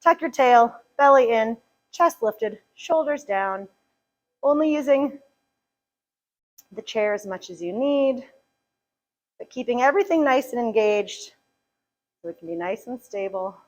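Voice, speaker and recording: A woman's voice: fairly high pitch, expressive, unhurried, pauses often, rough recording. A woman leading a live chair yoga class, upbeat and joking as she counts reps, a little out of breath at times. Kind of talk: live fitness class instruction.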